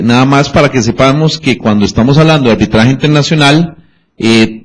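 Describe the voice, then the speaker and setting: A man making a measured clarifying remark to a class, with hesitant fillers. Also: mid-range voice.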